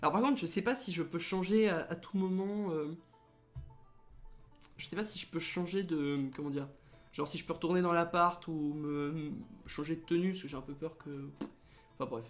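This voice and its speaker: A young man with a slightly high voice, playing through a dating game in casual commentary. He reads the on-screen text aloud and breaks in with sarcastic, mocking jokes. Light game music sits faintly underneath. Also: normal speed. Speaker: let's play host.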